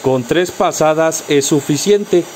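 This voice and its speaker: A Mexican man walks viewers through a how-to in a slightly high voice. He speaks slowly and patiently, giving each step as a direct instruction. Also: a little mellow, slight background noise. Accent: Mexican Spanish. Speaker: car accessory tutorial host.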